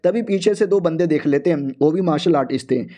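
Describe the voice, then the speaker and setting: A man's voice: fairly high pitch, brisk, mellow. A man narrating a comic manhwa recap in a slangy, joking way, briefly acting out the figures' lines himself.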